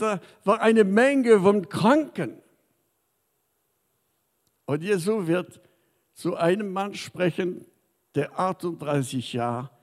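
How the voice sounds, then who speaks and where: Slow high-voiced preacher in a reverberant hall. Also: male voice. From Madagascar. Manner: non-native German with small grammar slips, swings from soft to loud. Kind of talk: sermon. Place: church hall. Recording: long reverb of a church hall.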